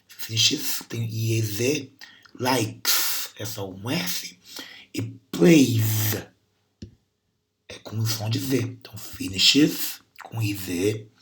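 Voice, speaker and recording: A Brazilian man with a Brazilian Portuguese accent and a fairly low, pushed, bright voice teaches English grammar and pronunciation in a recorded class lesson. He patiently repeats sounds and words to demonstrate them.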